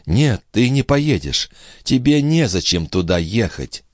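A man reading a young nobleman consoling his sister, soft and tender. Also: on the low side, sing-song, unhurried, dry recording, clean studio sound, voice pushed up.

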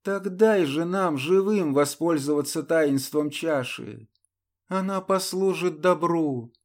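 A man voicing a fierce, defiant young woman who shouts in raised, strained outbursts. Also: on the high side, takes it slowly, pitched above the performer's own voice. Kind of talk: audiobook character voice.

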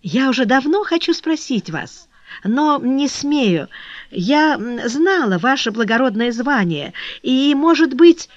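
A woman reading an audiobook and voicing a warm, eager young flower girl who talks in excited, pleading exclamations. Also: high-pitched, slow, no room sound, pitched above the performer's own voice, exaggerated voice. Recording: dull dry lo-fi recording.

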